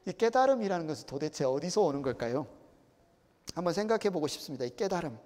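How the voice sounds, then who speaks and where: Korean pastor preaching in reverberant church. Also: male voice, fairly high pitch, very animated, quick pace, darkish tone. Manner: earnest preaching, acting out quoted voices with rising emphasis. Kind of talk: sermon. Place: church sanctuary. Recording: long reverb of a church hall.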